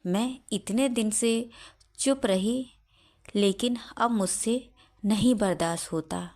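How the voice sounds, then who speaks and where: Lady voicing a stubborn old mother telling off her daughter-in-law, slow and insistent. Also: medium pitch, a little mellow. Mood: scolding. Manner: scolding, insistent.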